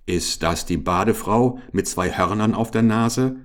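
A man with a deep voice voicing a grumpy, fussy old male monkey who grumbles slowly and reluctantly in a storybook tale. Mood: grumbling.

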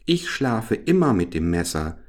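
A man's voice: lowish voice, sing-song, unhurried, voice pushed up. A man voicing a fierce, wild little robber girl who talks in a bossy, teasing and threatening way.

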